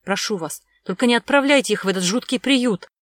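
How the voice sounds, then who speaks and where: A woman's voice: on the high side, brisk, no echo, pitched above the performer's own voice, natural voice. A woman voicing a defiant young nanny. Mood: pleading. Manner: pleading, nervous, defiant.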